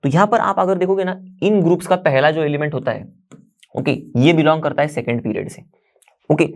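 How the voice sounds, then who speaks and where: Standing at a board, a man with a fairly high voice teaches a chemistry lesson at a fairly quick pace. He explains things step by step, mixes English terms into his Hindi, and keeps checking in with the class.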